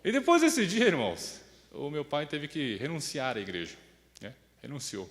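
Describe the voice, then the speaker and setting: Young male pastor, lively swinging pitch, slightly high voice, conversational preaching, long hall echo. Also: moderate pace. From Brazil. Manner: conversational preaching, often asks "né?" and acts out quoted voices. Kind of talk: sermon with personal story.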